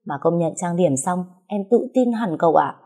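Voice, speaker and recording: A woman voicing a feisty, sharp-tongued young wife who teases and argues cheekily. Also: lowish voice, lively intonation, breathy edge. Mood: coy boasting. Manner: cheeky, teasing, quick to argue.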